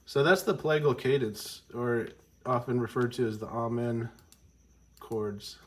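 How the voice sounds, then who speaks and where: A man's voice: medium pitch, measured pace, a little hiss or hum. A man teaching a casual music lesson with a congested, stuffy voice, rambling and correcting himself as he goes. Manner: rambling, self-correcting, with frequent ums. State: congested from a cold.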